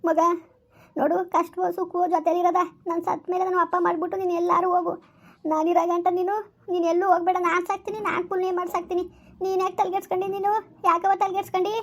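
A woman's voice: very high-pitched, flat delivery, quick pace. A woman acting as an older, protective mother-in-law who consoles and scolds in a village family drama, speaking firmly and coaxingly. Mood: consoling. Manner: firm, coaxing, scolds others bluntly.

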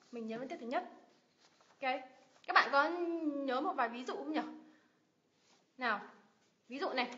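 A Vietnamese woman with a high, bright voice runs a livestream lesson on English word stress. She repeats each word several times with strong emphasis and keeps asking viewers questions. The audio is dull and lo-fi. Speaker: English pronunciation teacher. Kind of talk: livestream lesson, drilling words. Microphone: livestream mic.

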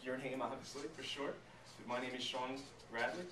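With crowd noise in the background, a man in his thirties with a mid-range voice speaks at a moderate pace and fairly even intonation. He's giving a small group an emphatic sales training talk, often breaking off for rhetorical check questions. A camera mic a few metres away in a small meeting room with a flip chart records echo and faint noise.

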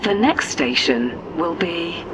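A woman giving an onboard train announcement, calling out each station in measured, evenly spaced phrases. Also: lively intonation. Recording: loud train rumble behind.

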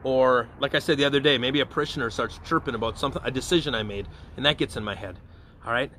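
A man's voice: medium pitch, quick pace, bright, forceful tone, slight background noise. A man, a parish priest, giving an informal evening prayer reflection in a conversational way, often checking in with his listeners. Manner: conversational, often checks in with "okay?" and "all right?".

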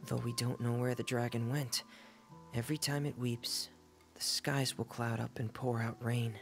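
Man doing a shy young diver, timid, soft-spoken, gravelly, faint music under. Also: medium pitch, little pitch movement, normal speed, natural voice. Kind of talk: game voice acting.

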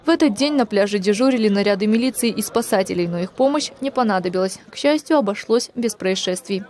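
A woman's voice: medium pitch, quick pace, a little mellow. A woman reporter delivering scripted narration for a television news report.

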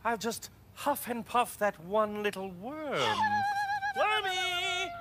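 A puffed-up, boastful big bad wolf for a children's puppet show. The voice is high and sharp, swooping theatrically up and down. Every threat is full of bluster. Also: male voice, big pitch swings, takes it slowly, heavily acted. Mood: menacing bluster.

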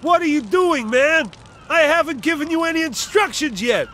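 A man's voice: extremely high pitch, animated, normal speed, over music. An actor voicing a bossy, blustery male fire chief in a kids' cartoon, drilling a new recruit. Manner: blustery, commanding.

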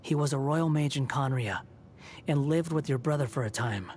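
A man playing an aloof, cynical young former villain in a video game, speaking in a cool, sardonic, deliberate way. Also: medium pitch, darkish tone, soft background music, natural voice. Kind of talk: video game dialogue acting.

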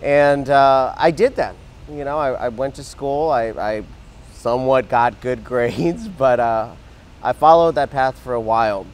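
This casual interview, taped on a lapel mic in an outdoor garden plaza, features a man in his thirties who was born in Mexico and grew up in Texas. He tells his story earnestly, gesturing with his hands and frequently starting over. His medium-pitched voice keeps a measured pace, and the recording is rough.

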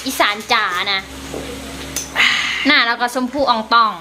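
A woman's voice: fairly high pitch, measured pace, over music. A young woman with an Isan accent, a playful co-host chatting casually. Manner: playful, teasing. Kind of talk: casual chat. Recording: echoey home recording with loud background noise.

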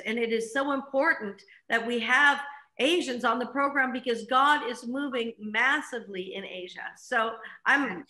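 A woman's voice: a little high, pushed and bright. A middle-aged woman hosting an online interview from her living room, chatty and enthusiastic with many fillers. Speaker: host. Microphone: video call. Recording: echoey room.

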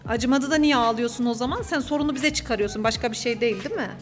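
A woman's voice: a little high, fast talker, in a large hall, over music. A woman hosting a family vlog skit, teasing and coaxing a child in a bossy, playful way. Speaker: vlog host playing a mother.

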